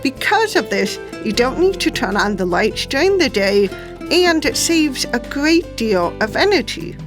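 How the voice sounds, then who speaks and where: A woman from Taiwan presents a travel show in a high, eager voice. She keeps a lively, upbeat presenter tone. Loud music plays beneath her throughout. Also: a little slow, low-quality recording. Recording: loud music bed under voice.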